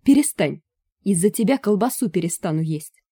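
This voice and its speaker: Reader doing blunt, dry-witted woman, loud and lifted, dry close sound. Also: medium pitch, expressive, normal speed, slightly rough, no room sound, voice pushed up. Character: calm, blunt sharp-tongued woman.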